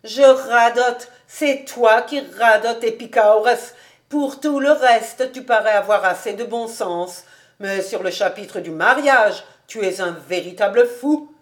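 A woman reading an audiobook, voicing an excitable, argumentative old village rabbi in a loud, indignant manner. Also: high-pitched, normal speed, hardly any pauses, pitched above the performer's own voice, close to an everyday voice. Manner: loud, indignant, mocking laughter.

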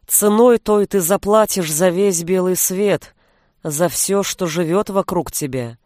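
Woman voicing a gruff old sorcerer grandfather, dry and commanding, lowered voice, dry close recording, audiobook. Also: measured pace, a little mellow, dry recording, natural voice. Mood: stern. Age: older.

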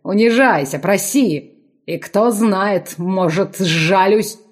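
A woman voicing a cruel, menacing middle-aged nobleman who mocks and threatens slowly. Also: medium pitch, a little mellow, close to an everyday voice. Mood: mocking. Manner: slow, mocking, growled commands.

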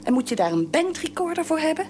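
A shrill, nagging wife. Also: female voice, big pitch swings, fast, darkish tone, a little hiss or hum. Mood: angry scolding. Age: middle-aged. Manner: shrill, scolding, repeats herself. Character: fierce nagging middle-aged wife. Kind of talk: radio drama acting.

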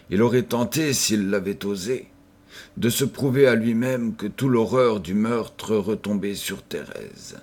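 A man narrating a novel as an audiobook reader, measured and dramatic. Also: fairly low pitch, a little mellow.

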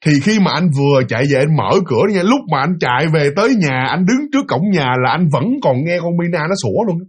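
A man casually retelling a ghost story, animated and full of restarts and hesitations. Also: fairly high pitch, fast talker, breathy edge.

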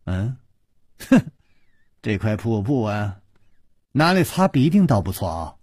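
Man playing a gruff mocking swordsman, lowered dark voice, husky, dry. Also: very animated, unhurried, no echo, full character voice. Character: hard-drinking, hot-tempered swordsman, mocking and boisterous.

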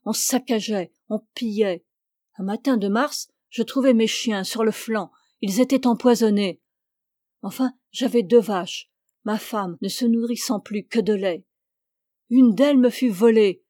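A woman's voice: medium pitch, warm tone, no echo, close to an everyday voice. Haunted old warden, stammering and pleading, read by a woman; dry close mic. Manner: stammering, pleading, then confessing. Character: guilt-ridden old male forest warden.

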